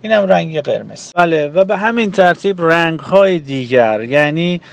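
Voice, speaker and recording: A man giving an earnest religious talk to a group, speaking in rhythmic lists with frequent pauses. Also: fairly high pitch, lively intonation, vocal fry.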